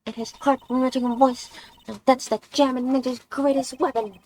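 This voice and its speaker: A woman voicing an excitable young female thief who is eager, pushy and high-spirited, reading lines from a video game. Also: normal speed, slight background noise, close to an everyday voice. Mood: gushing.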